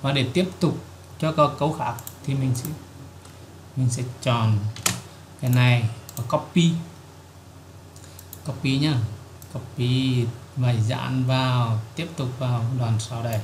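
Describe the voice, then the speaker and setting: Flat-voiced man explaining a software tutorial. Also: mid-range voice, a little slow, pauses often. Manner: step-by-step explaining, frequent "there" fillers. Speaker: tutorial host. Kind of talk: screen-recorded software tutorial. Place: at a computer, recording his screen. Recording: echoey room with clear keyboard typing noise.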